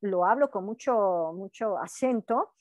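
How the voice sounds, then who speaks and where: Lecturing online for a university over a video call, a woman from Peru, of Quechua heritage and now living in Brazil, speaks conversationally and frequently tags her sentences with "¿no?". Her medium-pitched voice is a little mellow, with lively intonation and a measured pace, and the audio has no echo.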